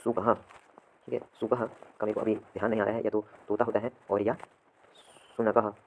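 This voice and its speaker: A man teaches Sanskrit vocabulary in a classroom lesson. He repeats each word, then asks and answers his own questions at a patient, steady pace. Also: fairly low pitch, brisk, narrow, tinny audio, slight background noise.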